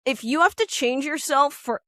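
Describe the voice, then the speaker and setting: This young Canadian woman, a musician invited for a casual interview, speaks at normal speed in a high, piercing, loud voice, rambling frankly and leaning on fillers. Her recording is close and dry with no echo.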